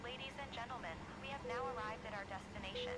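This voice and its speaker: A woman gives a scripted airline cabin announcement to arriving passengers. Her voice sits a little high and she keeps a formal, polite, even announcer delivery throughout. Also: fast talker, loud music behind the voice. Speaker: flight attendant announcer.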